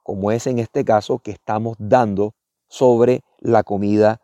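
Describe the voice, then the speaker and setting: Man teaching informally, with a mellow voice. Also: on the low side, steady tone, unhurried, dry recording, lo-fi sound. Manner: didactic, repetitive, checks understanding with short tag questions. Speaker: Spanish teacher. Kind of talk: informal spoken language lesson. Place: outdoors, walking in a forest.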